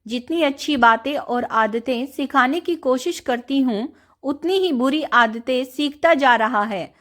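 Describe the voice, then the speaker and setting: Lady doing a fretful young mom, high voice, coaxes then snaps. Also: a little slow, a bit bright. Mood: scolding. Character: young mother, worried and quick to scold.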